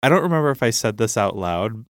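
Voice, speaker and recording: A man's voice: on the low side, big pitch swings, fast, a little hiss or hum. A man co-hosting a podcast, chatting in an easygoing, playful way. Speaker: podcast co-host. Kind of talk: casual chat. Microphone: studio podcast mic.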